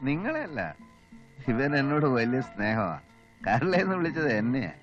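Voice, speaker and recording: An actor playing a cocky petty thief who answers with boastful, teasing retorts, in a slapstick film comedy. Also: male voice, medium pitch, big pitch swings, normal speed, dull audio, music in the background, lightly acted.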